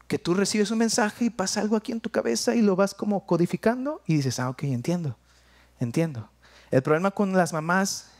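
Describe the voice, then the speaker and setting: A young Mexican man with a Jalisco accent, preaching a sermon in a conversational, playful way, dropping to quiet asides. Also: sits high.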